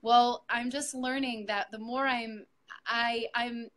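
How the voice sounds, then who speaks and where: In a heartfelt interview with her coach, a middle-aged yoga teacher reflects earnestly on her story, restarting and using fillers frequently. She talks slowly in a fairly high, slightly bright voice with fairly even intonation.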